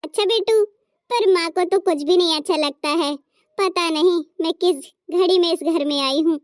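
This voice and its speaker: A woman voicing a gentle young daughter-in-law. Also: extremely high pitch, moderate pace, no room sound, clean studio sound. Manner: gentle, advising. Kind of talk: cartoon story voice acting.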